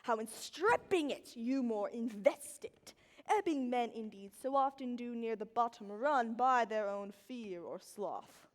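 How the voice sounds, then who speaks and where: A woman's voice: on the high side, animated, measured pace. A woman playing a scheming, ambitious courtier in Shakespearean stage style, with theatrical, declamatory, hammy delivery. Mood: persuasive, insistent. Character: scheming, ambitious courtier urging a drowsy lord to seize a crown. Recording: echoey stage hall with long reverb.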